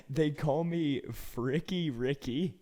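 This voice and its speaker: A man's voice: a little high, dark tone. A young man co-hosting a podcast in casual chat, giggly and mocking himself. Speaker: podcast co-host.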